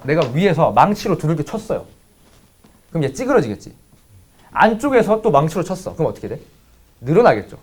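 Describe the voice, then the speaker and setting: A man teaching math to students, mixing a blunt, profanity-laden personal story into a casual lecture. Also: a little high. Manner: blunt, swears freely, talks straight to students.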